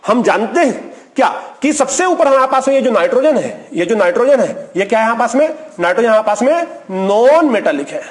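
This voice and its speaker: A man teaching a chemistry video lecture, who keeps asking a question and answering it himself in a steady repetitive explaining style. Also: very high-pitched, a little fast. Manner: asks the class a question, then answers it himself.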